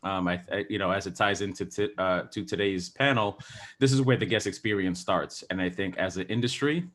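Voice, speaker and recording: A man with a very low voice speaks as a guest on a conference panel. He talks with energy, using plenty of ums and restarts. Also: a little fast. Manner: energetic, many fillers. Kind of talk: conference panel self-introduction.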